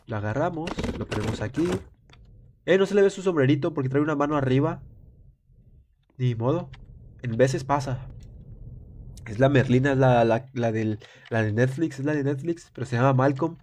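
A young man, stuffy with a cold, excitedly commenting on a live game and chatting with viewers. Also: medium pitch, normal speed, pauses often, slight background noise. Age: young adult. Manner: rambling, excitable, talks to viewers while playing. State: congested with a cold. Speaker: streamer. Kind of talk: live gameplay commentary reading chat.

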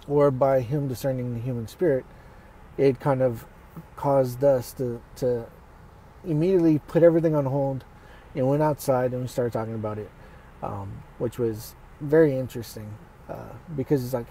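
Husky, dark-voiced man teaching casually. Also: mid-range voice, rough recording. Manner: conversational, speaks straight to listeners.

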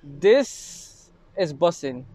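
A man's voice: fairly high pitch, sing-song, very slow, mellow. A young man from Malaysia with a Malaysian English accent, chatting casually and rambling through a grocery haul from inside a parked car, filming on a handheld phone. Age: young adult. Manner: rambling, self-mocking, lots of fillers and restarts. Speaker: vlogger. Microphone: phone camera held close.

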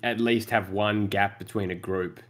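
A man's voice: on the low side, fairly even intonation, normal speed, over a noisy crowd. A man giving casual race commentary, rambling and hesitant with lots of fillers.

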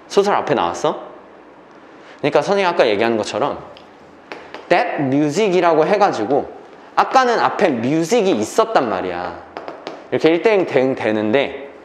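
A man's voice: a little high, roomy sound. A man teaching an English reading class, lecturing and often checking that the students follow.

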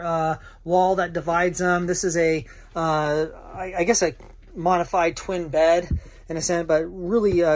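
Touring a sailboat in a marina, a high-pitched middle-aged yacht broker narrates casually while pointing out features on deck and below, his speech dotted with "uh." The view is first-person from a handheld camera.

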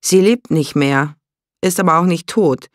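A man voicing a blunt young demon hunter, speaking in low, wary tones. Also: measured pace, dry recording, studio quality, lightly acted.

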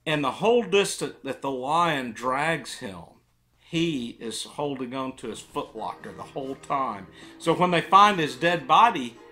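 Bright-voiced man storytelling with pipe in mouth. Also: fairly high pitch. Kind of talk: casual storytelling monologue to camera. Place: living room, indoors.

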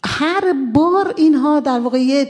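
A woman's voice: sits high, darkish tone. A woman from Iran, a defense lawyer, recounting courtroom events at a press conference in a conversational way, with frequent hesitant fillers.

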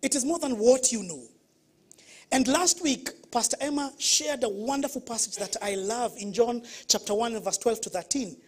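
A woman pastor with a Kenyan accent preaches from the front of a church. She mixes stories with questions to the congregation and keeps her delivery lively. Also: a little high, moderate pace, breathy edge. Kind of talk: sermon.

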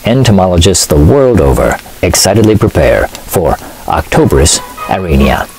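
A man narrating a mock nature documentary in a solemn, deadpan documentary manner, with a husky voice. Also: low-pitched, normal speed, music in the background, rough recording.

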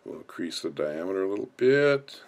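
Brisk and swinging widely in pitch, a low-voiced man works through a hands-on task like an instructor. He narrates each step as he does it, unscripted, tutorial-style.

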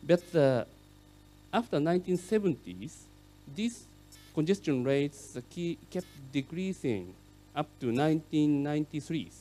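A middle-aged man whose first language is Japanese gives a conference keynote lecture in English, speaking haltingly with many fillers. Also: on the high side, animated, dark tone. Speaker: keynote speaker on urban rail.

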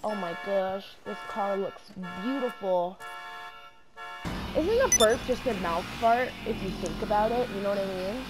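A woman's voice: medium pitch, expressive, a little slow, music in the background. Goofy woman doing game commentary. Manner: goofy, playful, talks to herself. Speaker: gaming channel host. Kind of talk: let's-play game commentary. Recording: game sounds loud behind the voice. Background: video game sounds and vehicles.

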